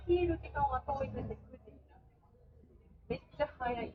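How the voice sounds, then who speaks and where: High-voiced woman tour guide, Japanese accent, chatty crowd-leader; distant, muffled recording over a crowd. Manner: chatty, switches languages, leads crowd clapping. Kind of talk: live tour guiding in Japanese and English. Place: tour boat on a canal, outdoors. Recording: distant, echoey, dull, crowd behind. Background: crowd noise.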